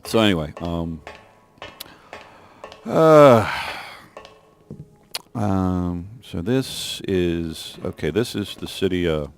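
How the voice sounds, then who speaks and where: Speaking extremely slowly with vocal fry and frequent pauses, a low-voiced man sounds animated as he gives let's-play developer commentary. He rambles over gameplay of his own designed mission, with lots of fillers and restarts.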